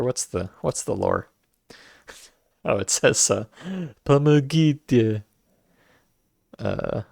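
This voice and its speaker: A man's voice: lowish voice, creaky, husky, no room sound, studio quality. A man streaming a game, giving casual, joking commentary with wry asides and frequent laughter. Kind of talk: let's-play commentary.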